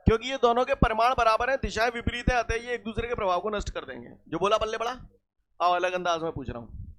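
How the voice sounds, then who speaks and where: A man's voice: high voice, fast talker, a bit bright. A man teaching a physics lesson to a class. He explains step by step with everyday examples, repeats key points, slips into rustic dialect words and keeps asking whether the students follow.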